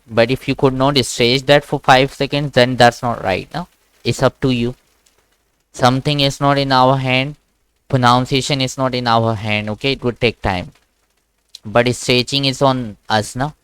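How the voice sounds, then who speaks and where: A male online Quran teacher with a smooth voice recorded dry and close on a video call. He speaks in an even, steady tone, patiently repeating sounds slowly so a young student can copy them. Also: medium pitch, dry recording, poor audio. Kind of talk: one-on-one online lesson.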